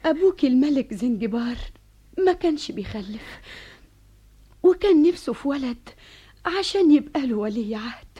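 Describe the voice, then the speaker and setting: A woman's voice: high-pitched, lively intonation, normal speed, long pauses, warm tone, husky. An actress playing a fearful, tender queen mother with an Egyptian accent in a vintage radio drama, talking in a soothing, confiding way. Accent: Egyptian Arabic. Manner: soothing, confiding, sometimes whispering. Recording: dull old radio broadcast.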